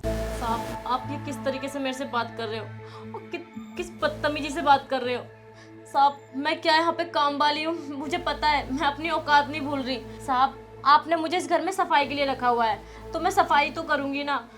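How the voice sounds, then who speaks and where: A meek, pleading housemaid. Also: female voice, high voice, moderate pace, fairly bright tone, soft background music. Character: humble young female housemaid, hurt but firm. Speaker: maid. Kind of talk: short film acting.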